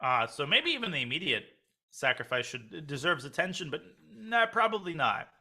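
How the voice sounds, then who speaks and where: A man's voice: on the high side, sing-song, moderate pace, bright, forceful tone. A man hosting live chess tournament commentary in a conversational way, talking positions over with a co-commentator. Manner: conversational, poses questions to co-commentator.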